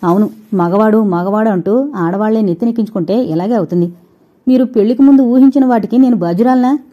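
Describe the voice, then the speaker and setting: A woman reading a quiet hurt young wife. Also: medium pitch, fairly even intonation, brisk, narrow, tinny audio, lightly acted. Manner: soft, pleading.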